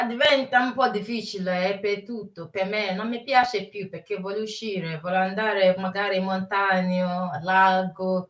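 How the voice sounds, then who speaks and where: A woman hosting a casual live chat with viewers, mixing English and Italian and often pausing to search for words. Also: mid-range voice, pushed and bright, echoey room, far from the mic. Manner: mixes English and Italian while greeting viewers. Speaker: live stream host.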